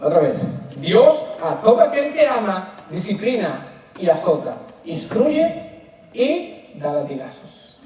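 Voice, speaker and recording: A man's voice: sits high, very animated, slow, mellow. A man preaching a sermon, emphatic, putting rhetorical questions to the congregation. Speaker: pastor. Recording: very echoey church hall, mic at a distance.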